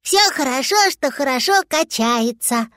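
A woman voicing a cheerful, eager little boy dragon who chatters excitedly in a high voice. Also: unhurried, no room sound, clean studio sound.

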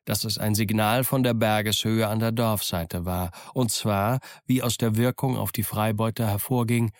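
Man, audiobook narrator, low voice, dry close sound, steady measured reading. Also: no room sound. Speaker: audiobook reader. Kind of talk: scripted first-person narration.

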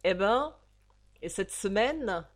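A woman reading aloud puts on a coarse old landlady, hoarse and gravelly, who bullies loudly and then turns sly and wheedling. The voice is loud, in a storybook reading. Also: medium pitch, lively intonation, slow. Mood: gruff. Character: coarse greedy old female innkeeper, ogress-like.

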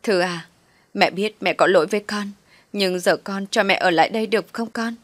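A woman's voice: mid-range voice, moderate pace, dry recording, natural voice. A woman voicing a ruined middle-aged mother who begs her daughter for help in a tearful, pleading way.

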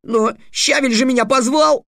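A man's voice: very high voice, normal speed, vocal fry, fairly bright tone, no room sound, clean studio sound, voice pushed up, full character voice. A man voicing a sulky, boastful young boy apprentice who turns whiny and pleading. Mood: tearful pleading.

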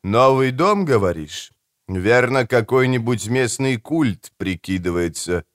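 A man voicing a muscular male customer at a market stall, terse and gruff, speaking low and curt. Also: expressive, unhurried, dry recording, studio quality, close to an everyday voice. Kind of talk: audiobook character voice.

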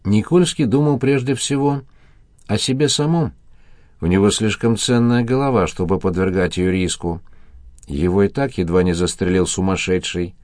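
A man narrating an audiobook in a steady, even reading voice. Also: fairly low pitch, moderate pace, no echo, studio quality. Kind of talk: scripted narration.

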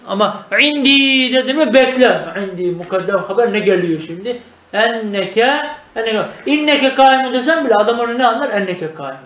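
A man gives a traditional grammar lesson, asking his students questions and then answering them himself. His voice sits high for a man. The recording rings with the echo of a bare room. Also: pushed and bright. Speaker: teacher of Arabic grammar. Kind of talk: traditional madrasa-style lesson.

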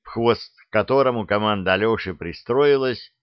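A man's voice: fairly low pitch, normal speed, smooth, dry recording. A man reading an audiobook aloud in a playful, theatrical way. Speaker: audiobook narrator. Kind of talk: expressive audiobook narration. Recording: dry, dull lo-fi recording.

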